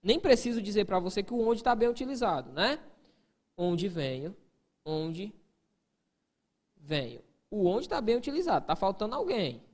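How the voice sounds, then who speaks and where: Animated male grammar teacher, echoey room. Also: high-pitched, normal speed, pauses often. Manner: answers imagined student questions, peppers speech with "ó". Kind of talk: exam-prep grammar lesson.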